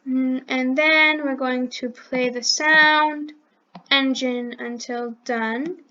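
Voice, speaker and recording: A woman's voice: high-pitched, fairly even intonation, slow pace, sharp tone, lo-fi sound. A woman hosting a coding tutorial who thinks aloud step by step and corrects herself as she clicks through the program. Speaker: channel host teaching coding. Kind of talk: screen-recorded coding tutorial.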